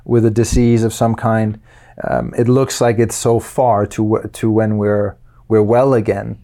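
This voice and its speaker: A man's voice: lowish voice, little pitch movement, unhurried, mellow. A man in his thirties from Denmark, a life coach guest on a podcast, speaking hesitantly with many fillers and repeated words. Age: 30s. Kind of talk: casual interview chat.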